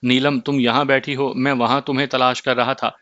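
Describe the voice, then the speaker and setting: A man's voice: medium pitch, little pitch movement, fairly bright tone, no room sound, highs cut off, natural voice. A man doing a menacing jinn in cat form. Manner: stubborn, threatening.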